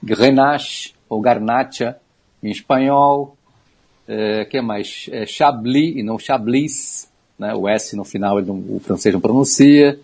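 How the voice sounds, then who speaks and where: A man's voice: lowish voice, unhurried, gravelly, a little mellow, breathy edge. A man talking about wine on a radio show, explaining things in an easygoing way with small asides.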